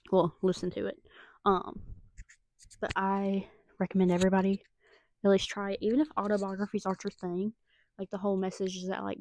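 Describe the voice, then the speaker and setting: Gravelly-voiced Southern woman reviewing books. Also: medium pitch, dry recording. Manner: chatty and excitable, with frequent fillers. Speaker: book vlogger. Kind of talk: casual book review chat.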